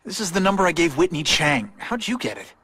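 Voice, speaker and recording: An actor playing a wisecracking young superhero in a video game, with a casual, sarcastic manner. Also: male voice, a little high, sing-song, a little fast, sharp tone, husky, dry recording, full character voice. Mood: annoyed, flustered. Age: young adult. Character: wisecracking young male superhero, earnest and quippy.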